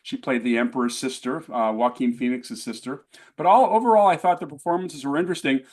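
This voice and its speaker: A middle-aged man with a mid-range voice hosts a relaxed talk about new films. He speaks with steady enthusiasm and praises the movies and actors he liked. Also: mid-range voice, a little fast. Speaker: host. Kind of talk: casual film review chat.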